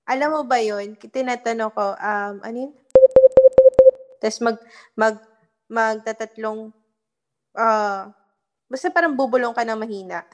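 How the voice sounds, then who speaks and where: A young adult woman keeps questioning her mother in a relaxed family chat. She sounds curious and informal, and her voice is fairly high for a woman. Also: unhurried, pauses often. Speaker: daughter.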